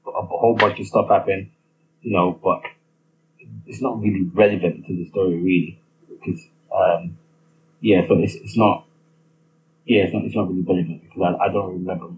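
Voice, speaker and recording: A young man with a Nigerian accent tells a personal story in a hesitant monologue, full of restarts, fillers, and long pauses. His voice is low and steady at a moderate pace, and the audio is slightly muffled with faint ambient noise.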